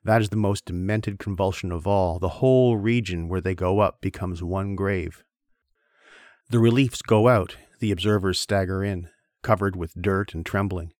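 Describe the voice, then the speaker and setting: Deep-voiced man, grave literary reading. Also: fairly even intonation, a little mellow, no echo, clean studio sound. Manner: measured, grave delivery that slows on tense passages. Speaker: podcast host reading aloud.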